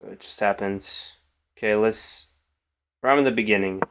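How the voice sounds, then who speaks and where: A man's voice: on the low side, a little slow, fairly bright tone, smooth. A tired young man with a morning voice, thinking aloud as he streams chess and trails off into mumbles. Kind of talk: casual live-stream commentary.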